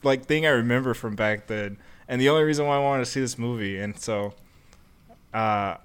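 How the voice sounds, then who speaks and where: Young male host, smooth clear voice, relaxed rambling storyteller. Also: medium pitch, fairly quick. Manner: easygoing, full of fillers and restarts when telling stories. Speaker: podcast host. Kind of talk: casual chat.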